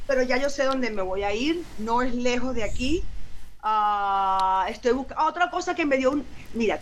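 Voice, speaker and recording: An animated woman in her sixties, talking in a high voice and piling up repeated words for emphasis. A faint hum sits behind her speech. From Venezuela. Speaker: guest, singer and actress. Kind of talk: casual interview chat.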